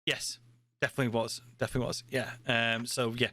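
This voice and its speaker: A man's voice: medium pitch, flat delivery, quick pace, pushed and bright, no room sound. An older man narrating as game master of a tabletop game, rambling with fillers.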